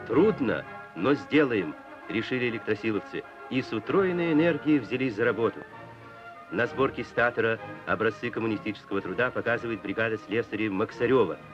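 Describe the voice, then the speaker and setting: A man's voice: lowish voice, animated, fairly quick. Man narrating an old newsreel. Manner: solemn, declamatory. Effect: old newsreel soundtrack. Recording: dull lo-fi 1960s film soundtrack with music.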